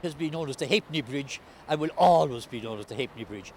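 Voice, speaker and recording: A man's voice: medium pitch, lively intonation, fast. A man giving a factual explanation in an interview. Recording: faint outdoor traffic noise.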